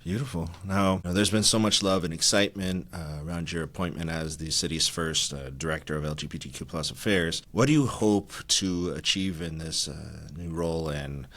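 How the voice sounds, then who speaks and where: A man's voice: sits low, normal speed, few pauses, a bit bright. A man hosting a podcast, giving a scripted intro and short affirmations between questions. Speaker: podcast host. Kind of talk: interview hosting.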